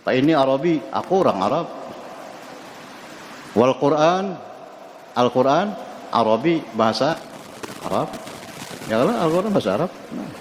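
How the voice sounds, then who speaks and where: A man with a Banjar accent gives an informal mosque lesson, asking his listeners questions and chuckling as he goes. His mid-pitched voice carries through a roomy hall with a long reverb tail. Faint noise sits under the recording. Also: lively intonation, normal speed, long pauses. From South Kalimantan, Indonesia. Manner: conversational, asks the audience questions and chuckles. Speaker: religious teacher. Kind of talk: mosque study-circle lecture.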